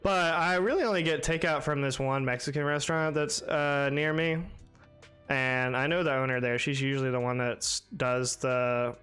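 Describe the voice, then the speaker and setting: A man's voice: mid-range voice, steady tone, moderate pace, a bit bright, clear, resonant tone, faint music behind. A young man streaming a game live, chatting casually and rambling with lots of fillers while answering his chat.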